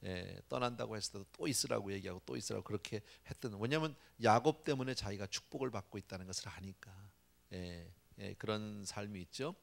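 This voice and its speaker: A male pastor preaching at a church prayer meeting in a relaxed, conversational way. He often drops a short "yes" between phrases, and his voice is low with a gravelly edge. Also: brisk. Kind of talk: sermon.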